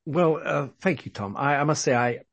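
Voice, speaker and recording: A man with a posh English accent, a podcast guest telling a story in a thoughtful, measured way. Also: on the high side, expressive, fairly bright tone. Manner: thoughtful, measured, some repeated words. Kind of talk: conversational storytelling.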